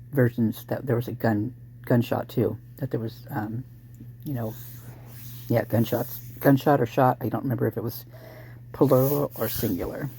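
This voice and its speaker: In a mid-range, dark-toned voice with a faint hiss or hum, a hoarse true crime commentator muses casually out loud. Every so often a sudden idea hits and they break into an exclamation.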